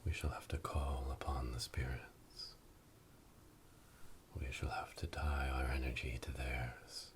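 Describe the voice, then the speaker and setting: A hushed, solemn ASMR roleplay features a man with a bass voice as a witch presiding over a dark initiation ritual. Whispering slowly and breathily in a monotone chant, he is recorded up close on binaural microphones by the ears, and background noise comes through clearly.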